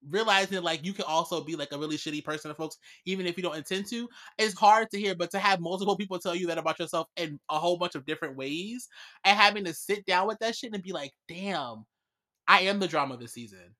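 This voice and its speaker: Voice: mid-range voice, fast talker, bright, forceful tone. A podcast co-host in their late twenties, talking frankly in casual chat, self-deprecating and swearing with laughs. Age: late 20s.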